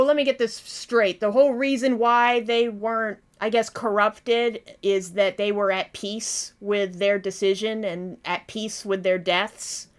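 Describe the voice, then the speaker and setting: A woman's voice: mid-range voice, smooth. A woman hosting a reaction video, talking casually and expressively, with frequent exclamations and swearing.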